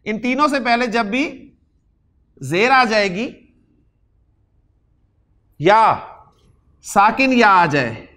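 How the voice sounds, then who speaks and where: A man from Pakistan teaching Arabic grammar in a lecture, explaining step by step, slowing down to spell out Arabic words and answering his own questions. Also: high-pitched, animated, sharp tone. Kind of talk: classroom lecture.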